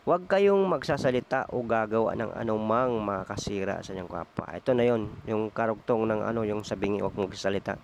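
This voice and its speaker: Gravelly-voiced male preacher. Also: lowish voice, brisk, hardly any pauses, a little hiss or hum. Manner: addresses listeners as brethren, asks frequent tag questions; mixes in English phrases, many hesitations. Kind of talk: conversational Bible sermon.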